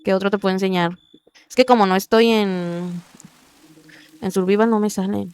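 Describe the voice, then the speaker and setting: A woman's voice: mid-range voice, fairly even intonation, moderate pace, a little mellow, smooth. A woman giving casual gameplay commentary, chatty and often murmuring to herself. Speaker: gaming video creator.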